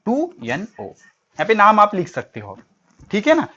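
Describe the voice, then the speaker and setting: A man's voice: high-pitched, wildly swooping pitch, a little slow, bright, forceful tone, slightly rough. Man teaching chemistry, lo-fi sound. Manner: quizzing students and answering his own questions; mixes English terms into Hindi speech. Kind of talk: classroom lecture to students. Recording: dull lo-fi recording.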